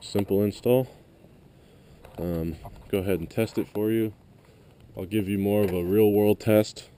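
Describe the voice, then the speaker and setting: An unhurried, mellow man with a fairly low pitch and steady tone gives a relaxed hands-on demonstration on a car. He's an amateur installer explaining in simple terms, recorded on a noisy action camera amid vehicle sounds.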